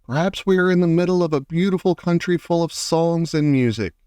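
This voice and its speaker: A man's voice: a little high, fairly quick, a little mellow, clean tone, dry recording, studio quality, lightly acted. Man voicing a hopeful old storybook grasshopper. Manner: hopeful, reassuring. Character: kindly, cheerful old male grasshopper.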